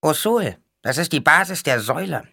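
A man's voice: a little high, sing-song, moderate pace, vocal fry, pushed and bright, husky, no echo, clean studio sound, voice pushed up, full character voice. A man voicing an impish male dwarf servant with a squawking voice, playful and riddling. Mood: mocking riddles.

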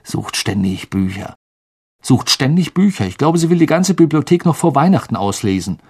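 A man's voice: fairly high pitch, big pitch swings, a little fast, darkish tone, breathy edge, pitched above the performer's own voice. A man reading the lines of a blunt, joking teenage schoolboy wizard in an audiobook, with an offhand, teasing manner.

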